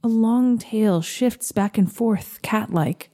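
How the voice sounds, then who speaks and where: A woman tells a first-person tale slowly, gently and with measured delivery. Her voice is mellow and warm, at an ordinary middle pitch.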